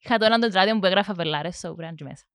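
Here a young woman with a Cypriot Greek accent, a music production student, fields interview questions casually, hesitating often, using plenty of fillers and dropping in English words. Her voice is on the low side, and the studio-quality recording has no room sound.

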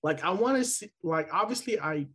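A man's voice: a little high, lively intonation, moderate pace, fairly bright tone, breathy edge. A man co-hosting a podcast, chatting casually and rambling with lots of fillers and restarts. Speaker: podcast co-host. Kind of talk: casual chat.

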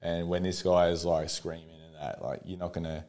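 A man in his thirties with an Australian accent, talking candidly as a podcast guest. His voice sits on the lower side, and he tells personal stories in an open, easygoing way, often breaking into a laugh. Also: level tone, moderate pace, darkish tone. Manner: open, storytelling, laughs easily. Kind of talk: casual conversation.

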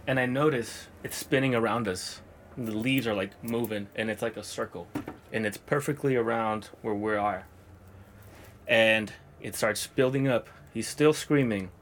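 A man's voice: on the low side, normal speed, slight background noise. Laid-back young man telling a story. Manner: laid-back, profane, drifts into quoted voices. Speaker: podcast guest. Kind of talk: casual storytelling chat.

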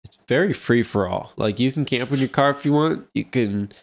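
A man's voice: mid-range voice, normal speed, gravelly. A man speaking as a festival organizer in a casual podcast chat, easygoing and chatty.

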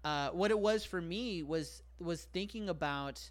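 A man appears as a guest in a casual podcast chat, talking frankly and profanely with lots of fillers and self-deprecating humor. His voice is fairly high, and he speaks at a measured pace.

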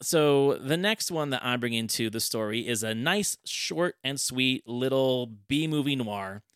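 An enthusiastic male podcast host in casual chat, telling things in an animated way. His voice sits in a mid range and sounds dry and close, with no room around it. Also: mid-range voice, unhurried, clear, resonant tone, dry recording.

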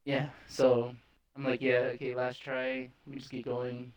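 Young man, casual podcast storyteller, animated, laughs a lot, swears. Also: mid-range voice, measured pace, a crowd in the background, poor audio. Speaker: podcast co-host.

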